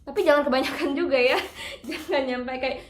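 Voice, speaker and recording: High-voiced chatty woman vocal coach. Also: moderate pace, reverberant. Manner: chatty, demonstrates with operatic sung phrases. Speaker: singing teacher. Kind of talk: casual singing lesson.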